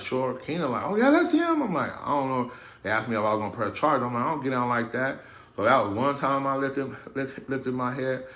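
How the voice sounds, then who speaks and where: A man's voice: mid-range voice, a bit bright, reverberant. A man vlogging to his camera from a room indoors, telling a personal story in a blunt, streetwise way and swearing freely. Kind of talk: profane casual storytelling. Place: indoor room, filming himself under lights. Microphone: camera mic.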